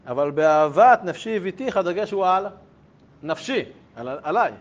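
Higher-voiced rabbi teaching in a yeshiva. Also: male voice. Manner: lively, conversational, with humorous asides and rhetorical questions. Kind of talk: Torah lesson with a told anecdote. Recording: dull lo-fi recording with faint rumble.

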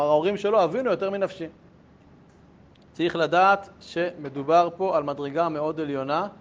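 A rabbi teaches a Torah class in a yeshiva, lively and conversational, tossing in humorous asides and questions to his students as he tells an anecdote. The recording is dull and lo-fi, with a faint rumble.

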